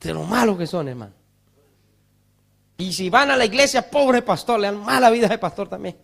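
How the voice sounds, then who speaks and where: A male pastor preaching a fervent sermon in church, rising to shouts on scripture and mocking wailing sinners. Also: high-pitched, lively intonation, a little fast, vocal fry.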